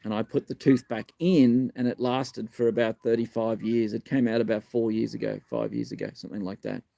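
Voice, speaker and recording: A man's voice: mid-range voice, expressive, brisk, vocal fry, dark tone, dry recording. An Australian man in his fifties with a missing front tooth, speaking live in blunt, emphatic, sweary short phrases. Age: 50s. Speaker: live-stream host and community advocate. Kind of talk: live political talk, answering viewer questions.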